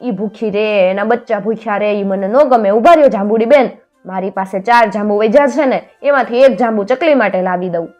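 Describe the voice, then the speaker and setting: A woman's voice: mid-range voice, brisk, a little mellow, soft background music, close to an everyday voice. A woman doing an eager, generous little boy. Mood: concerned. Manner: eager, cheerful.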